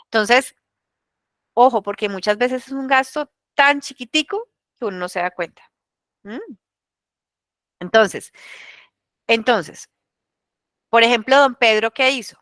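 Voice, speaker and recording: A woman leading a virtual financial education workshop, speaking colloquially and telling lively anecdotes. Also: on the high side, measured pace, long pauses, dry recording. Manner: colloquial, animated storytelling.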